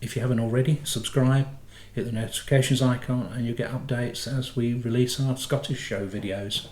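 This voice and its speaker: A middle-aged man hosts a motorhome channel, chatting casually while he rambles and corrects himself. He has a head cold, so his medium-pitched, slightly mellow voice sounds a bit nasal, with a steady tone and a fairly quick pace. The room is echoey.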